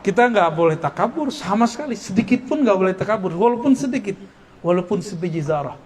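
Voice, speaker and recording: A man with a high voice gives an Islamic lecture in relaxed style speech. He is lively and jokes with his listeners, often breaking into laughter. Faint background noise sits under his voice. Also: quick pace. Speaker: preacher. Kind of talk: religious study lecture. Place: Islamic boarding school gathering.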